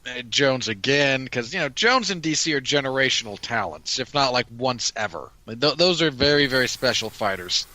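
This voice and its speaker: A man's voice: medium pitch, lively intonation, moderate pace, hardly any pauses, pushed and bright, no echo. A man co-commentating on a boxing show in casual, opinionated sports talk.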